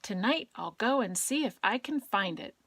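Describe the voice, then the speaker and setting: A woman's voice: mid-range voice, animated, normal speed, fairly bright tone. A woman voicing a small, wistful, wondering male toy bear from a storybook, as if reading to a toddler.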